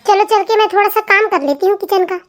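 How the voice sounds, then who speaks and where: A woman's voice: very high-pitched, quick pace. A woman voicing a hopeful, sulky young wife in a comedy cartoon, chatty and talking to herself. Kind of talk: cartoon family comedy voice acting.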